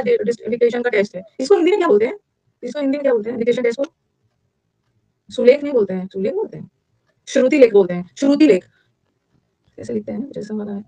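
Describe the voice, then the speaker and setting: A woman's voice: a little high, gravelly, warm tone, no room sound, low-quality recording. A woman with an Indian accent teaching a vocabulary lesson, chatty, repeating key words and putting questions to her students. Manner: repeats key words, mixes English into Hindi; chatty, asks the class questions. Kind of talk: online exam-prep vocabulary lesson.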